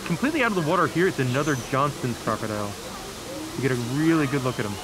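A man's voice: medium pitch, very fast. Chatty man touring a zoo outdoors. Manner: relaxed, chatty, pointing out animals with small restarts. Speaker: zoo tour vlogger. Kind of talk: casual narrated zoo walkthrough. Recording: outdoor noise around camera mic.

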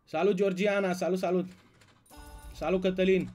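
High-voiced man bantering with live chat. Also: little pitch movement, darkish tone, faint music behind. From Romania. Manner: greets viewers by name, bantering with chat. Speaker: slots streamer. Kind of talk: casual live-stream chat.

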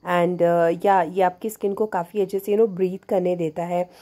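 A woman's voice: on the low side, steady tone, moderate pace, dark tone. A woman in her thirties with an Indian English accent, talking into the camera in a small room about a skincare kit, mixing Hindi and English and dropping in "you know" often. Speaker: beauty vlogger. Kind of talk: product review vlog.

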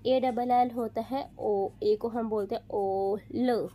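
A woman teaching children phonics, drilling sounds slowly and patiently in call-and-response. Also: fairly high pitch, fairly even intonation, warm tone, a little hiss or hum. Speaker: teacher and channel host.

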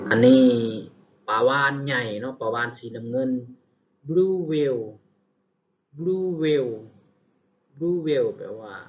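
A man with a Lao accent teaches English vocabulary at a very slow, deliberate pace, repeating each word several times before he explains it. His voice sits at an ordinary pitch. The recording sounds dull and lo-fi, with a faint hiss behind it. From Laos. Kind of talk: vocabulary lesson.

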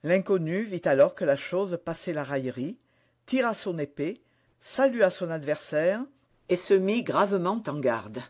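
A man reading a classic adventure novel aloud in a clear, measured storytelling voice. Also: high-pitched, animated, darkish tone. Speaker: reader. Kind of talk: audiobook narration of a classic novel.

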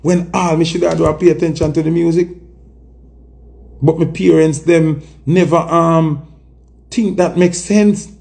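A man's voice: fairly high pitch, fairly even intonation, unhurried, vocal fry, long pauses, a little mellow. A man in his thirties with a Jamaican accent, speaking Jamaican Patois in an emphatic, reflective casual chat to camera. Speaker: music personality, vlogger. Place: small indoor room. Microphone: phone at arm's length.

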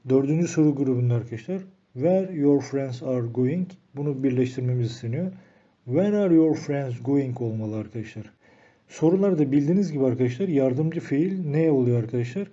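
A man teaching an English grammar lesson, slowing down to read each example sentence aloud. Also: medium pitch, dark tone. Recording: dull lo-fi recording.

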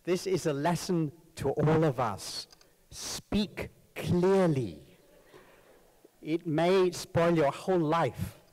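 Echoey, higher-voiced Sri Lankan man speaking publicly. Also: a little slow, few pauses, darkish tone. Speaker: author speaking at a conference. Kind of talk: humorous anecdotal public talk. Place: large hall, live talk to an audience. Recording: very echoey hall with long reverb.

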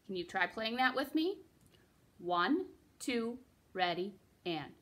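A woman's voice: medium pitch, animated, slow, a bit bright, a little hiss or hum. A young woman giving a recorder lesson for children, patiently explaining and encouraging, counting her students in. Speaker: music teacher.

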